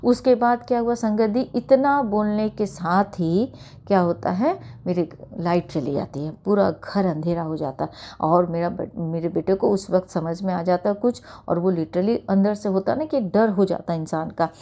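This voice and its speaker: Speaking at a moderate pace in a warm, mid-range voice, a middle-aged satsang sharer relates a personal experience with sincerity. She often addresses her audience respectfully throughout her testimony.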